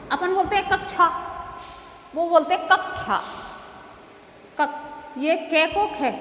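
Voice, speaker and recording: High-voiced woman lecturing in echoey hall. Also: a bit bright. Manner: explanatory, repeats key phrases slowly. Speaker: teacher-training lecturer. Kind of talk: classroom lecture. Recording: echoey hall with faint noise.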